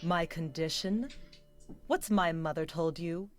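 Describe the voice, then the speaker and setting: A woman's voice: on the low side, measured pace, soft background music, close to an everyday voice. An actress playing a gracious, formal adult woman in a video game.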